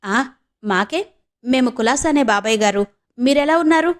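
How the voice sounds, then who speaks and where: A woman's voice: a little high, lively intonation, normal speed, lightly acted. A woman playing a witty, teasing young wife. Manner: polite but teasing. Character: young married woman, sharp-witted and teasing.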